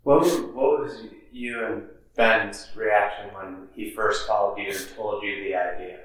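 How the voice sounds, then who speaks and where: A man interviewing, asking casual, halting questions while searching for words, recorded far from the mic in a very echoey room. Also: lowish voice, steady tone, fairly bright tone, slight background noise.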